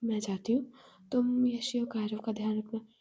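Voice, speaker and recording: A woman's voice: fairly high pitch, little pitch movement, normal speed, mellow, breathy edge, voice pushed down. A woman voicing a protective, worried young woman who speaks in an earnest, pleading way.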